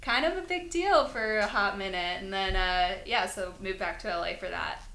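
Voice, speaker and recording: Guesting as a musician in a relaxed interview chat, a young woman, London-born and LA-raised, rambles, saying "like" often and giggling a lot. Her medium-pitched voice is gravelly, bright and forceful at a moderate pace, in an echoey room with faint ambience.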